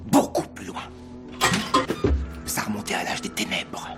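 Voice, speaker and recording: A man voicing a secretive music-shop clerk in a French film dub, talking in a hushed, conspiratorial way. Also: sits low, little pitch movement, a little slow. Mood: storytelling.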